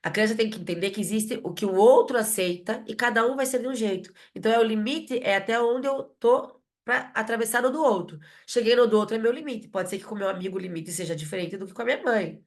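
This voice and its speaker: A woman with a somewhat high-pitched voice speaks in a relaxed podcast conversation. She is a psychologist and a mother, and she reasons out loud. She circles back on her words and keeps checking in with quick tag questions. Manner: reflective, frequent tag questions and restarts.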